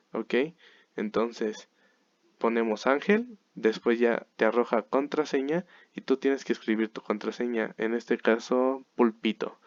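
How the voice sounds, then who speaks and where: A man's voice: medium pitch, dry recording, highs cut off. A young man, an engineering student, explaining his school programming project step by step, sometimes catching and correcting himself. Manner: methodical step-by-step walkthrough with self-corrections.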